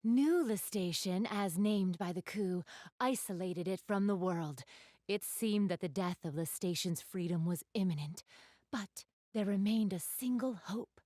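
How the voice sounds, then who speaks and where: In dramatic narration, a woman voices an elegant young goddess from an anime video game, addressing the player with polite, genteel, formal diction and a keen gamer's refinement. Her mid-range voice is unhurried and mellow, close to an everyday voice, recorded in studio quality with no echo.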